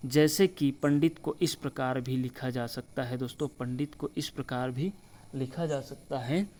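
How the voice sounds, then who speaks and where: Brief: male teacher, middle pitch, slow letter-by-letter spelling lesson, patient reminders. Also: fairly even intonation, darkish tone, slight background noise. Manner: repeats the word for friends and reminds viewers to remember. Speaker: Hindi teacher. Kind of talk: spelling lesson over slides.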